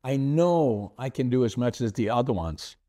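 An older Dutch man, for whom English is a second language, tells his life story on a podcast he hosts over a video call, his mid-range voice expressive and mellow. He speaks earnestly and deliberately in a conversational way, gesturing with his hands, with his Dutch accent clear. He sits in a home office lined with framed certificates.

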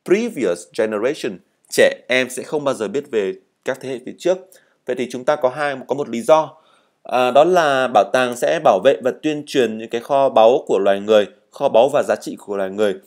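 A man's voice: medium pitch, fairly quick, a little mellow. A man teaching an English speaking lesson, explaining in Vietnamese, reading model answers and having students repeat words after him. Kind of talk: spoken language lesson.

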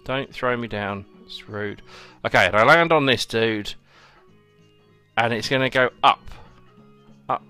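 A man's voice: medium pitch, measured pace, pushed and bright, clear, resonant tone. A young man giving chatty, sarcastic commentary while he plays a video game and talks to his viewers. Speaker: host playing a video game. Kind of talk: let's play commentary. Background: faint game music.

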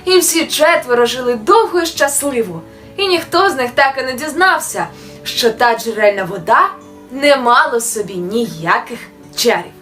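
A woman from Ukraine reads a fairy tale aloud with gentle, expressive storytelling. Her voice sits high. Quiet music plays underneath. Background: soft music.

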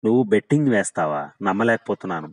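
A man's voice: on the low side, lively intonation, quick pace, a little mellow. A man voicing a young woman who asks pained, doubtful questions.

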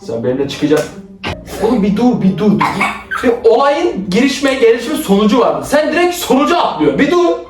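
A man's voice: very high-pitched, big pitch swings, normal speed. A young man leads a playful role-play skit with his sister, bossy and teasing, laughing easily. His voice swings widely up and down. He sounds a little far from the mic in an echoey room, with faint music under him. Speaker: older brother directing a skit. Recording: roomy, from a distance, faint music.

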